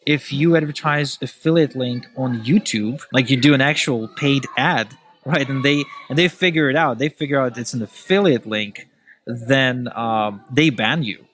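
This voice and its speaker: A man, speaking as a guest in a relaxed podcast chat. He is animated and opinionated, with a mid-range voice that rushes ahead in quick bursts and then slows down again. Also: mid-range voice. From Ukraine. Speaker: podcast guest, email marketer. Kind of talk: casual podcast conversation.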